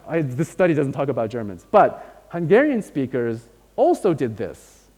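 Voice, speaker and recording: A man's voice: medium pitch, very animated, unhurried, darkish tone. A male linguistics lecturer giving a university lecture, explaining patiently and checking in with his students. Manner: explains patiently, checks in often with "right?" and "okay?". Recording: long hall reverb.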